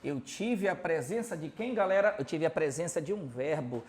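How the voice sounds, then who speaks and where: A man's voice: a little high, lively intonation, normal speed. A man with a Belém accent teaching a Portuguese grammar lesson, constantly asking rhetorical questions and tagging lines with "tá?" as he writes examples on a board. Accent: Paraense (Belém). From Belém, Pará, Brazil.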